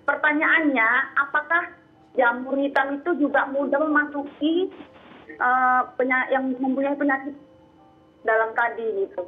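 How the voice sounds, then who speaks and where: A woman phoning in, speaking in a halting, informal way. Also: sits high, steady tone, soft background music. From North Sumatra, Indonesia. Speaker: phone-in caller. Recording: tinny phone line.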